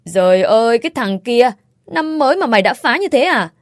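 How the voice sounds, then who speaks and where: Woman doing a gruff domineering father-in-law. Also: mid-range voice, expressive, brisk, a little mellow, no room sound, studio quality, close to an everyday voice. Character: stern, stingy old father-in-law, domineering.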